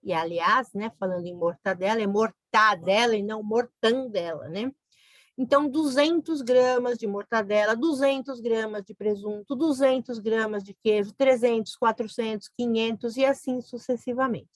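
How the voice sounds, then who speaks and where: Woman teaching grammar, high and dry. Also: normal speed, dry recording. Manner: explains patiently, often adds "né?". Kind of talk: recorded grammar lesson.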